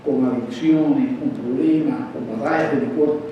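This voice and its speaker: A man of about seventy preaching a sermon as pastor, shifting from quiet confession to emphatic exhortation. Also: moderate pace, muffled recording. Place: church sanctuary. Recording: echoey church hall, mic at a distance, faint rumble.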